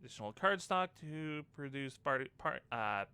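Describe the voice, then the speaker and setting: Bright, animated gamer doing playthrough commentary. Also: medium pitch, normal speed, clean tone, dry recording. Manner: playful, sing-song asides to game characters. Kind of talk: casual let's-play commentary.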